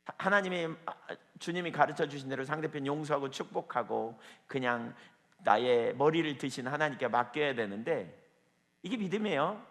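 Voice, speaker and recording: A man's voice: a little high, lively intonation, moderate pace, fairly bright tone, big-room sound. A man preaching a sermon as pastor at a small evening prayer meeting, emphatic and firing rhetorical questions at the listeners.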